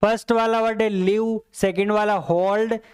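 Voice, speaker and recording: The voice is a man's, high-pitched yet darkish and clean, with little pitch movement. He teaches English for competitive exams, explains answers step by step, repeats key points to his students, and reads example sentences slowly and deliberately.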